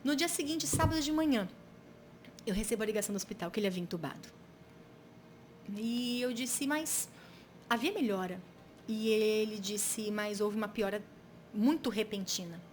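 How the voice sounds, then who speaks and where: A woman's voice: mid-range voice, normal speed, pauses often, a little mellow, slight background noise. A Brazilian woman pastor, an interview guest, telling a personal story in an earnest, reflective way with frequent restarts.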